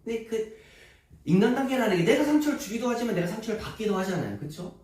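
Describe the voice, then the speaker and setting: A man preaching a sermon, telling a story in an animated way and often laughing. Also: sits high, fast talker. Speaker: pastor. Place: church sanctuary. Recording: echoey church hall from far off, faint noise.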